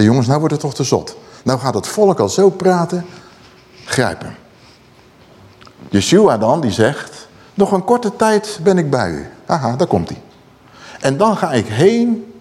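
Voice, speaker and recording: Animated preacher man in a reverberant hall. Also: fairly high pitch, unhurried, long pauses. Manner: animated preaching, asks the congregation questions. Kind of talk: sermon.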